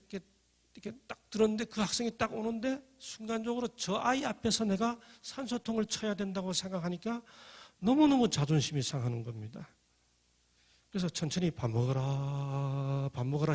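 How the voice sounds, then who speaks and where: Middle-aged man, husky and slightly high-voiced, animated storyteller giving a testimony talk. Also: brisk, in a large hall. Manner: lively, acts out quoted voices. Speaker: speaker giving a personal testimony.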